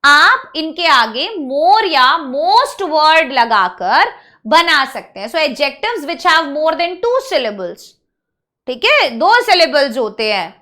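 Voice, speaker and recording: A woman teacher giving an online English grammar lesson, mixing Hindi explanation with English terms and drilling word forms slowly one by one. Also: high voice, sharp tone.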